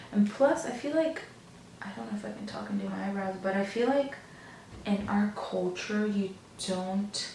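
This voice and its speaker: A young woman chatting casually in a monotone, low-key way, like a get-ready-with-me beauty vlogger. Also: recorded from a distance. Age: young adult. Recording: echoey room, off mic, faint noise.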